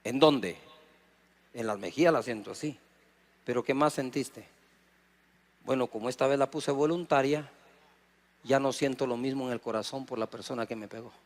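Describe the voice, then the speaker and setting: A man's voice: mid-range voice, normal speed, pauses often. A middle-aged man with a Guatemalan Spanish accent, preaching a sermon, acting out little dialogues and calling on the congregation to answer. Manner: lively preaching with acted dialogue and audience prompts. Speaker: pastor.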